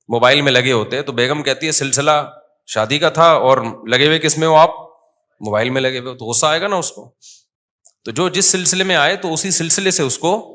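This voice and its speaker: A man's voice: medium pitch, pushed and bright. A man with a Pakistani Urdu accent giving a conversational sermon in a mosque, often quizzing the audience with questions. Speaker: mufti giving a Friday talk.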